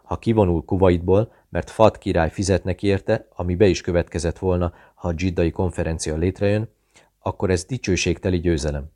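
A man reading a thriller novel aloud, voicing the dialogue within his steady, measured narration. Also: low voice. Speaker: audiobook narrator. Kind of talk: scripted narration.

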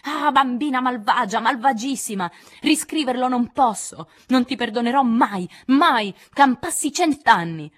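A woman reading an audiobook, voicing a hot-tempered teenage girl writer who speaks loudly and indignantly, higher than her own voice. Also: a little fast, few pauses, breathy edge. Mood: enraged. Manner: loud, indignant, accusing. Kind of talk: audiobook character voice.

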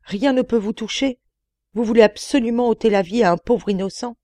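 A woman's voice: on the high side, brisk, mellow, dry recording, pitched above the performer's own voice, natural voice. A woman voicing a frightened male merchant who pleads for his life in a trembling voice, in an audiobook reading. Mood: pleading.

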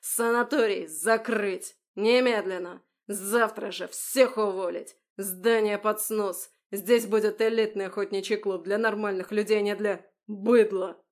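A woman voicing a drunk, bullying male official who rants and shouts in a grating, hoarse voice. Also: medium pitch, fairly even intonation, unhurried, hardly any pauses, natural voice. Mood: shouting. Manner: shouting, ranting, breaking into shrieks.

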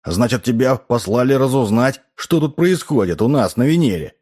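Reading an audiobook, a man gives voice to an enraged miner snarling accusations, in an expressive, darkish mid-range tone at moderate pace. The character's voice is pitched a bit above his own but stays close to everyday speech.

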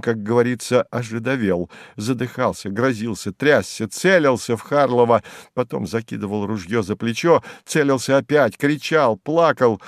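Male narrator, steady measured audiobook reading, dry close sound. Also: mid-range voice, dry recording.

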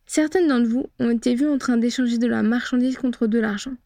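A woman's voice: on the high side, fairly quick, dark tone, no room sound, natural voice. Brief: a guarded wizard lawman keeping his composure, firm delivery; a woman reader does him. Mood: wary. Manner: firm and controlled. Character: steady, wary male wizard investigator.

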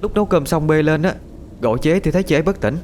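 A man voicing a hardworking, kind aunt in a spoken story, talking quick and higher-pitched. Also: lively intonation, a little mellow, a little hiss or hum, natural voice. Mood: worried.

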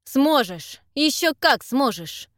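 A woman's voice: high-pitched, expressive, normal speed, dry recording, studio quality, pitched above the performer's own voice. A woman voicing a stern, pitiless man who gives harsh, commanding orders in an audiobook. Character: stern, cold man with steely authority.

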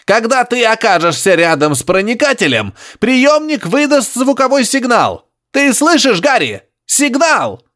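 A man voicing an excitable male professor who shouts urgently in a high, strained, grunting voice over a crackling radio. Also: unhurried, hardly any pauses, heavily acted. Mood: agitated.

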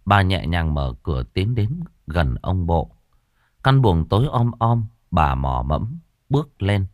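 A man narrating a ghost story audiobook in a dramatic, expressive way, close to the mic. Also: deep voice, slow pace, dry recording.

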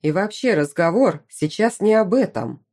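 Stern duke read by a woman, commanding, middle-aged father, audiobook, mellow tone. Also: mid-range voice, very animated, normal speed, pitched above the performer's own voice. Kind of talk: audiobook character reading.

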